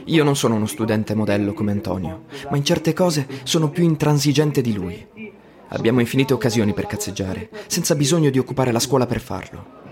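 A man's voice: mid-range voice, expressive, fairly quick, crowd noise. A man narrating a story in the first person, wry and ironic in tone.

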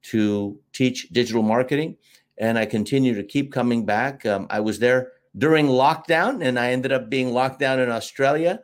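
A middle-aged man from the United States, a marketing teacher, talks at length as an interview guest, telling stories expansively and using fillers. His voice sits in the mid range at a normal speed, and the talk is casual interview conversation.

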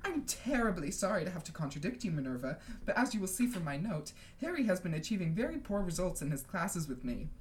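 Woman acting simpering storybook lady bureaucrat, honeyed, girlish, pitched up high, swooping intonation, meddling, falsely sweet. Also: big pitch swings, quick pace, few pauses, slight background noise. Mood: sweetly indignant.

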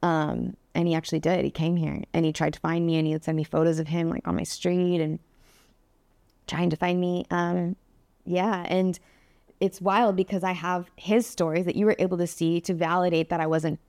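A woman's voice: fairly low pitch, little pitch movement, moderate pace, a little mellow, no room sound. A woman, a guest on a podcast, telling a personal story in a candid, earnest way with many fillers. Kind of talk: interview storytelling.

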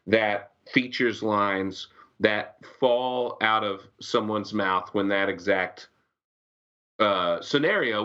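A man's voice: medium pitch, fairly bright tone, lo-fi sound. A man, a songwriter guest, chatting casually in an interview from his bedroom, often restarting his sentences.

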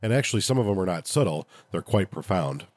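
A man's voice: sits low, animated, fast talker, a little mellow, no room sound, studio quality. A man hosting a podcast in casual review talk, with a nasal voice stuffed up from a cold. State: congested from a cold. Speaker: podcast host.

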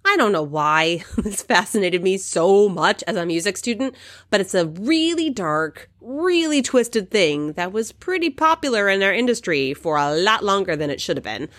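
Lively, upbeat woman hosting a podcast. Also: medium pitch, normal speed. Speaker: podcast host. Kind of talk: scripted podcast narration.

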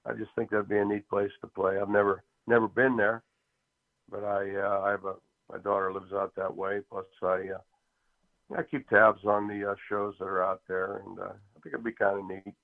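A man's voice: fairly low pitch, little pitch movement, normal speed, creaky. A man from a band, a guest talking in a folksy, rambling way full of fillers, heard over a tinny phone line. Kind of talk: casual interview chat.

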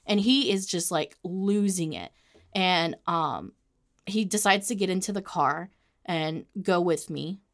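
A woman co-hosting a podcast, telling a story in a casual, animated way, full of swearing and "like" fillers. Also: lowish voice, measured pace. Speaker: podcast co-host.

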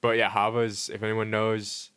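A man's voice: fairly low pitch, monotone, normal speed, a bit bright, smooth. A man chatting casually as a podcast co-host, telling stories in slangy, joking talk. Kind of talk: casual chat, anecdotes.

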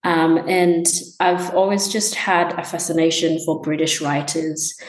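A young woman musician talks through her answers softly, stopping often to think. Her voice sits a little low. The room gives it a roomy echo. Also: steady tone, measured pace. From Tanzania. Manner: soft-spoken, many ums and restarts. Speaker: musician guest. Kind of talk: casual interview answers. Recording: echoey room.

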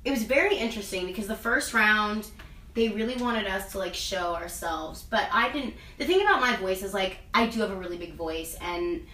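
Expressive and fairly quick, a young adult woman speaks with a bright, forceful, medium-pitched voice while rambling casually in an interview. The singer and actress leans hard on "like" and "um." An echoey room, a distant mic, and faint ambience shape the sound.

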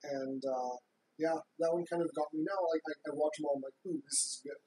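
Low-voiced woman chatting in a room. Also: steady tone, fairly quick, mellow. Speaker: podcast co-host. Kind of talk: casual chat. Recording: roomy, with some background noise.

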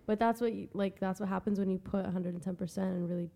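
A woman with a mellow, slightly gravelly voice co-hosts a casual podcast. She rambles warmly, full of "like" and "um", and nudges her guest along. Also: medium pitch, steady tone, fast talker. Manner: rambling, filler-heavy, encouraging. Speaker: podcast co-host. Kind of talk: casual chat.

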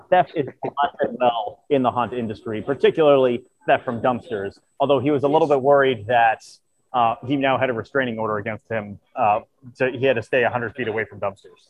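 A man's voice: mid-range voice, a little fast. Podcast host, male, tired, voice fading, lo-fi muffled recording, earnest rambling. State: tired, voice wearing out. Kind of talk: casual chat. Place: at a convention.

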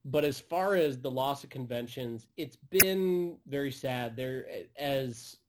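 A man's voice: medium pitch, takes it slowly, noisy background. A man from a game publisher guesting on a podcast, talking earnestly in casual chat with fillers.

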